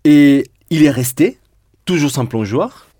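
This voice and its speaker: A man's voice: a little high, animated, unhurried, warm tone, no echo, studio quality. A man teaching a Spanish lesson in French, patiently drilling verb endings and repeating students' answers. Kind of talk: language lesson drilling conjugations.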